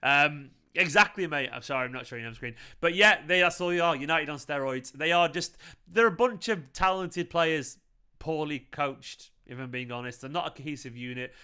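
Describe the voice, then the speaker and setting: A man with a Manchester accent, hosting a live football fan reaction stream, chatting excitedly and swearing while reading viewer comments. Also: a little high, moderate pace, smooth. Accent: Mancunian. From Manchester, England. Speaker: football fan channel host.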